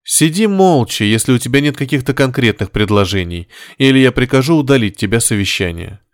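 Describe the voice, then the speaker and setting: A man voicing a stern female spaceship commander who gives orders in a measured, firm way, slightly raised in pitch. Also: expressive, no echo, studio quality, close to an everyday voice. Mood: commanding.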